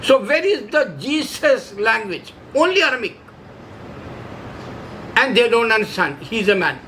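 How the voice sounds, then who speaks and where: A religious video maker, a man from India whose first language is Urdu, delivers a solo preaching monologue in broken English with an Indian accent, using short, emphatic phrases. His voice is very high and sing-song, with a measured pace and a sharp tone. The audio is poor, with slight background noise.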